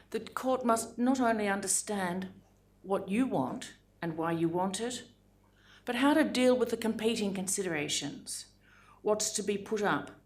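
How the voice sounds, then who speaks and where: A woman, a judge giving a formal lecture in a measured, deliberate way with frequent pauses. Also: medium pitch. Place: lecture room.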